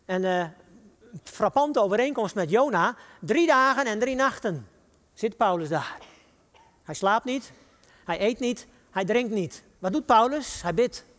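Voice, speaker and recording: Dutch preacher in an echoing hall. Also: male voice, high voice, lively intonation, fairly bright tone. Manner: reads scripture quotes with slow dramatic rises. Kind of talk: sermon.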